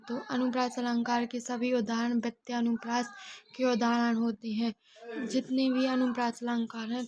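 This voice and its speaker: Female teacher, exam revision lesson, monotone delivery, dull lo-fi recording. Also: on the high side, a little hiss or hum. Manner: explains by asking and answering her own questions. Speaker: Hindi teacher.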